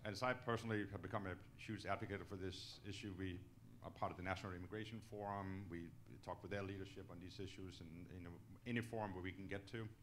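His deep voice holds a steady tone as he talks fast with few pauses. He's a middle-aged Dane, a native Danish speaker and company executive, answering emphatically and earnestly as a guest in an on-stage interview, punctuating points with "okay?". He uses a handheld mic in an indoor auditorium, with slight background noise present.

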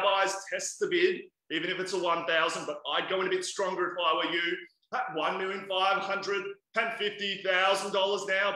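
A man's voice: high-pitched, pushed and bright. A man, calling a live property auction and coaxing buyers with repeated bid amounts. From Australia. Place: indoors by a large glass window. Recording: echoey room sound.

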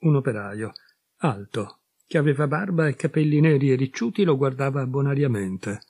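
A male audiobook reader with an Italian accent and a slightly husky voice, telling a classic story in measured, expressive phrases. The sound is dry and close, with no room around it, and his pitch sits mid-range. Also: no room sound. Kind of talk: scripted literary narration.

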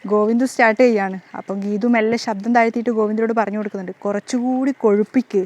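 Animated woman retelling a serial plot. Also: mid-range voice, racing. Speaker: storyteller recapping a TV serial. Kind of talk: casual storytelling narration.

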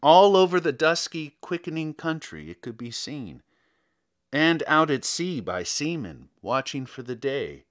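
A man narrates a short story of literary fiction as a dramatic audiobook reading. He speaks slowly and deliberately in a bright, forceful voice with wide, lively pitch swings, lingering on phrases for theatrical weight.

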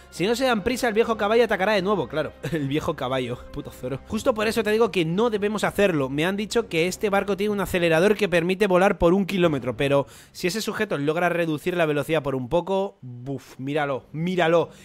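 A young man with a Spain Spanish accent reading a manga chapter aloud and reacting to it, excitable, swearing freely and bursting into shouts. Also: on the high side. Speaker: anime reaction host. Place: home, floor above construction work.

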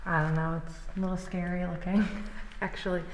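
A young woman chats her way through a tour with plenty of "like"s, her voice a little low for a woman. It rings with long echo off hard walls, and faint noise hums underneath. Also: little pitch movement, a little fast. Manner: chatty, filler-heavy, loose. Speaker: urban explorer vlogger. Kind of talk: casual exploring commentary. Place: large abandoned prison, indoors. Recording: echoey hall with faint noise.

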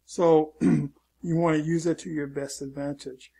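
A man's voice: a little high, little pitch movement, a little slow, vocal fry, mellow, husky. A man teaching an online marketing lesson in a loose, casual way, often saying "okay" and repeating his warnings. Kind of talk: casual screen-share tutorial.

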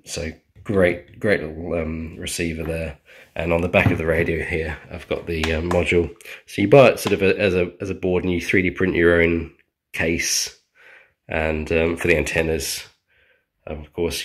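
A low-voiced, chatty man shows off his model plane in a casual show-and-tell walkthrough at a home dining table indoors. He's self-deprecating, with lots of ums and restarts.

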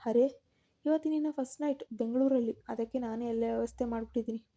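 A boastful young man talking big to his friend, as a woman storyteller plays him. He sounds breezy and quick, with a dark, mellow tone held high and level. It is part of a spoken story. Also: steady tone.

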